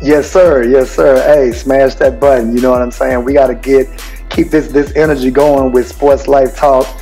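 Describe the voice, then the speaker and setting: A man, a high school basketball coach, answering interview questions in an earnest, rambling way full of fillers. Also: level tone, moderate pace, dark tone, soft background music. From Houston, Texas.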